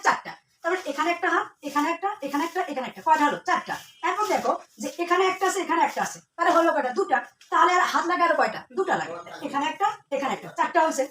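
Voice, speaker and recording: High, quick-talking woman teaching chemistry. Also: a bit bright, slight background noise. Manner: asks a question and then answers it herself, repeating key terms. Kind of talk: classroom lesson. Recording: echoey room, mic at a distance.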